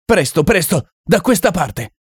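A man's voice: a little high, big pitch swings, normal speed, breathy edge, no room sound, studio quality, pitched above the performer's own voice. A man doing a desperate, commanding householder. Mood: urgent. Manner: urgent shouted commands. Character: desperate middle-aged male host, commanding.

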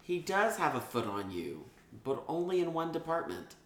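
With a fairly high voice at a normal speed, a male podcast co-host in his thirties laughs his way through animated, bawdy stories. It's crude comedic banter, and the recording sounds roomy.

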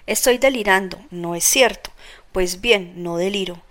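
A woman's voice: mid-range voice, a little slow, fairly bright tone, natural voice. A woman reading the lines of a feverish, irritable young male student in curt, insistent speech.

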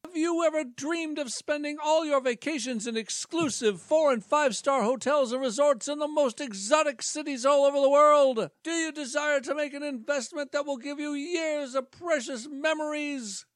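A shrill, pompous salesman. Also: a bit bright, no echo, clean studio sound. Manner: grandiose sales-pitch delivery. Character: high-pitched pompous male timeshare salesman.

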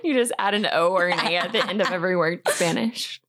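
A woman's voice: fairly low pitch, a bit bright. A woman guest on a podcast, telling a story in casual chat, laughing often and stopping and starting. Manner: laughing, halting, quick bursts.

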